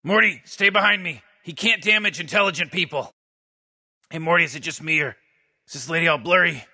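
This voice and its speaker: In an exaggerated, fairly high voice that is pushed, bright and a little fast, a man plays a cynical elderly mad scientist ridiculing game characters. The sardonic commentary is sarcastic and rambling, with stammered restarts and barked insults.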